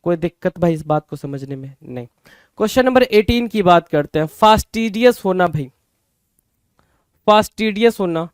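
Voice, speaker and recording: A man with a high, smooth voice teaches English vocabulary for exams, mixing Hindi and English. He repeats each word and keeps asking his students rhetorical questions. The sound is dry and close. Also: animated, moderate pace, no room sound. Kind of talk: Hindi-English exam prep lecture.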